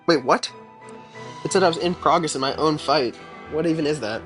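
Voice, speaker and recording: A man's voice: a little high, brisk. A man casually commenting on his own gameplay during a live stream, laid-back and mumbling asides as he reacts to chat. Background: game music.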